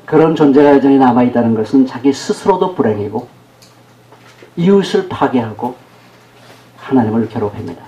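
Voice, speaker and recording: A man's voice: mid-range voice, animated, brisk, pauses often, warm tone, highs cut off. A man preaching a sermon as pastor, talking with the congregation and asking them questions. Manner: conversational, questions the congregation, acts out quoted speech. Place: church sanctuary. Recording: echoey church hall.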